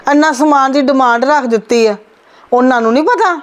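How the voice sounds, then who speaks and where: A woman's voice: sits high, brisk, highs cut off, close to an everyday voice. A woman playing a poor mother who coaxes and instructs her married daughter, in a family drama. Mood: indignant. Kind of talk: amateur family drama acting.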